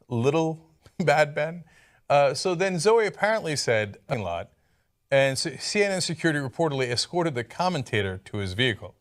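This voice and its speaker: A man delivering political commentary in a sarcastic, teasing manner. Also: medium pitch.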